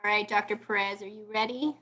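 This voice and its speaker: A woman moderating a panel over a video call, brisk and sprinkled with ums. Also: medium pitch, fairly even intonation, bright, forceful tone.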